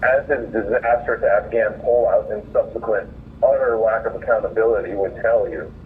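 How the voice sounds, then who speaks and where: A man whose voice sits on the low side, steady in tone and moderate in pace, calls in with an earnest, indignant opinion. He reads his written essay and then makes informal remarks. The phone recording is muffled and distant, with faint noise.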